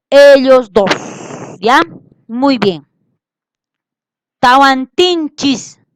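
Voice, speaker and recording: Woman teacher, slow and patient, higher voice, smooth and clear, dry close sound. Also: no room sound, low-quality recording. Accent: Peruvian Spanish. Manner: slow, patient, repeats words and checks understanding. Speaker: Quechua language teacher. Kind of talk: classroom lesson.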